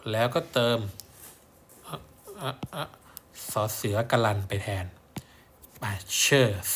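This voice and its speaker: A man's voice: a little high, sharp tone, slight background noise. A man teaching primary-school English in a recorded lesson, repeating words for pupils to copy. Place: at a whiteboard or screen.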